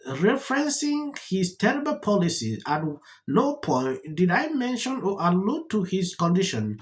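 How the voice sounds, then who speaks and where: A narrator giving dramatic, judgmental news commentary over clips. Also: mid-range voice.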